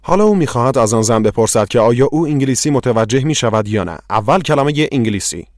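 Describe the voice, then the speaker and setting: A man narrating a language course in slow, measured scripted instructions. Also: medium pitch, expressive, dry recording, studio quality.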